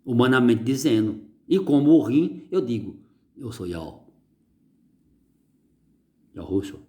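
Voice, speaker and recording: Emphatic man preaching. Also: big pitch swings. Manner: emphatic, rising and slowing on key words; soft, low and quiet when closing. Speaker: religious teacher. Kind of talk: reading and preaching on religious writing.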